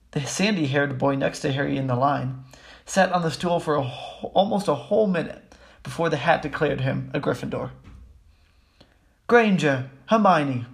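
A man reading a children's book aloud in a steady, even way, with small slips. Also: a little high, vocal fry. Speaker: audiobook reader. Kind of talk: storybook reading.

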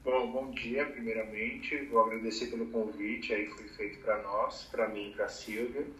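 A man's voice: fairly low pitch, level tone, normal speed, a bit bright, reverberant, far from the mic, a little hiss or hum, poor audio. A man in his thirties from Brazil, talking casually about career planning with many fillers. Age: 30s. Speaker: advertising professional giving career advice. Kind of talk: casual conversation.

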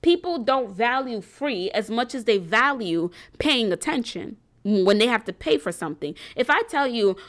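Her voice runs on the high side and animated as this woman, host of a faith and business group, talks earnestly and casually to viewers at a moderate pace with few pauses. Preacherly in manner, she rambles somewhat, with frequent ums and restarts.

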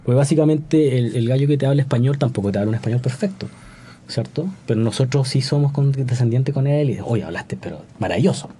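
A man's voice: mid-range voice, fast talker, dark tone, slight background noise. A Chilean man talking as a guest scientist in a casual podcast interview, thoughtful, with many restarts and tag questions.

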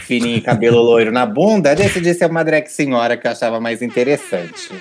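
Campy drag queen, mid-pitched male voice. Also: expressive, fast talker, over music. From interior São Paulo state, Brazil. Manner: campy, playfully dramatic. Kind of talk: casual, comic interview chat.

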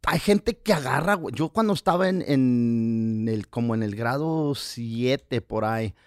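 An older man, a comedian co-hosting a casual podcast chat, full of crude slang and halting restarts. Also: mid-range voice, darkish tone, clear, resonant tone, dry recording, clean studio sound. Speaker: comedian co-host.

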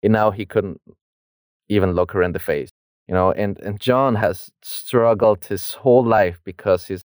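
A young man co-hosts a podcast about a book, retelling the plot with slang and easy laughs. His voice sits low and comes across smooth and clear. The sound is dry and close, with no room around it. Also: a little mellow, no echo. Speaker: podcast co-host. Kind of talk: casual book discussion.

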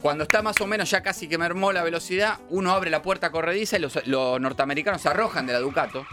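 A man with a Rioplatense Argentine accent co-hosting a comic radio show, reading mock news in a deadpan way. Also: a little high, fast talker, over music. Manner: deadpan newsreader delivery. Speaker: radio co-host. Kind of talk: mock news reports and banter.

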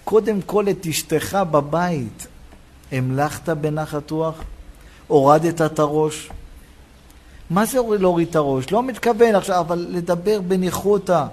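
A rabbi preaching a sermon in a synagogue, telling a personal story and acting out the dialogue. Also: male voice, fairly high pitch. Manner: animated storytelling, acts out dialogue.

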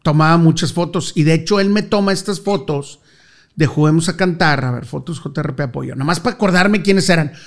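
A middle-aged man with a northern Mexican Monterrey accent, pitched a little high for a man. He tells stories to an interviewer in a lively, slangy way that breaks into laughter easily. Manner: animated, slangy, quick to laugh. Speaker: interview guest. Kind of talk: casual storytelling interview.

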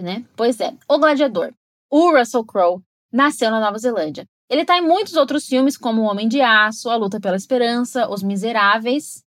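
In studio-quality audio with no echo, a woman whose voice is a little high narrates a scripted educational podcast. She's a podcast host and English teacher with a Brazilian Portuguese accent, explaining things with enthusiasm and speaking asides to listeners.

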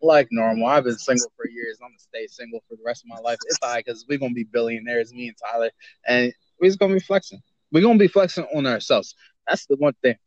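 A man co-hosting a casual podcast, talking in loose, slangy, animated banter. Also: mid-range voice, fast talker, no room sound, lo-fi sound. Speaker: podcast co-host. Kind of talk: casual chat.

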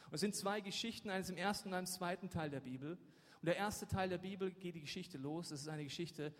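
A man giving a sermon, telling stories in a lively, joking way and speaking straight to his listeners. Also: high voice, a little fast. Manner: lively, jokey storytelling with direct address. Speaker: preacher. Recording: long hall reverb.

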